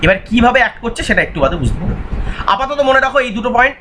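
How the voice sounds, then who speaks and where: A man's voice: extremely high pitch, animated, rapid-fire, bright, forceful tone, slight background noise. A man teaching an exam-prep math lecture, repeating each point and quizzing his students. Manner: repetitive, quizzing, voices imagined student answers.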